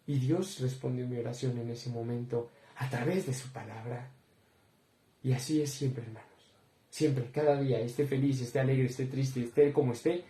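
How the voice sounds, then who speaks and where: A man's voice: medium pitch, mellow. A young man giving a devotional Bible teaching, earnest, often addressing listeners as brothers. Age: young adult. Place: room with bookshelves behind him. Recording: roomy echo.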